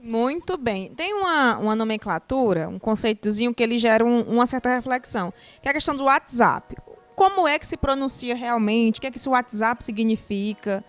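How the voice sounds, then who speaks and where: A woman's voice: fairly high pitch, lively intonation, fairly quick, dry recording. A young woman, hosting a TV talk show in a playful, upbeat way and asking guiding questions. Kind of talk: casual studio interview.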